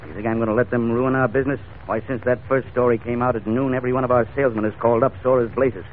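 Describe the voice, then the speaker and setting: Man acting a fast-talking ruthless racketeer boss. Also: mid-range voice, fairly even intonation, lightly acted. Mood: grim, angry. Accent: American. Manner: curt, commanding, menacing. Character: ruthless heavy-set middle-aged racketeer boss, grim and domineering. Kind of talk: 1940s radio acting. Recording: narrow, noisy old radio recording.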